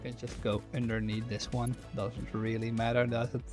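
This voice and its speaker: A young Dutch man from the Netherlands streams a factory-building game, thinking aloud, restarting words and reading chat questions aloud to viewers. His mid-range, darkish voice has little pitch movement and a moderate pace, with faint music behind.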